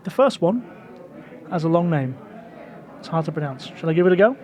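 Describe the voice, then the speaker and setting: A man's voice: fairly high pitch, expressive, brisk, darkish tone. A man hosting a walking tour outdoors on a city street, talking in a chatty, digressive way full of fillers. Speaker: podcast host and tour guide.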